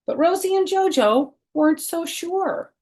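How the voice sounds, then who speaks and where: Recorded in a small furnished room at home, a middle-aged storytime reader brings a picture book to life for children, chatting between pages. She speaks unhurriedly in a very high yet darkish, expressive voice.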